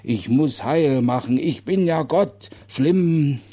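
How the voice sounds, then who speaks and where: A man voicing a simple, excitable grown man who claims to be God, in short broken sentences with a booming bass voice. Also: slow. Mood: fretful.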